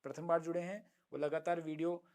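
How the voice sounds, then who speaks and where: A man teaching a Sanskrit lesson, chanting verses slowly, then explaining them and answering his own questions. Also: on the high side, little pitch movement, darkish tone. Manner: asks students questions and answers them himself. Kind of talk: online lesson.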